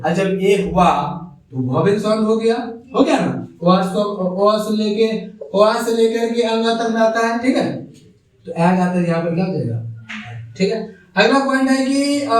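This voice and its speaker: Male teacher, quizzing students, answering his own questions, classroom lesson, roomy echo. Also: very high voice. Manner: asks students questions and answers them himself. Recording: echoey room, far from the mic.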